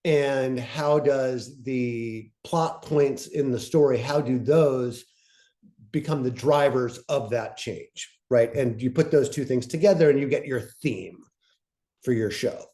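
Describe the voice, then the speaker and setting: A man with a medium-pitched, warm voice speaks slowly as a panelist at a workshop on pitching fiction podcasts. His talk is casual and unscripted, walking through things step by step in a conversational way.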